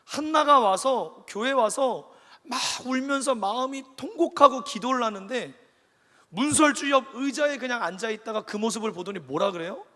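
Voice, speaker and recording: A man preaching a sermon as pastor, animated, acting out the people in his story. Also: very high voice, moderate pace. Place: large church hall. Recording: long reverb of a church hall.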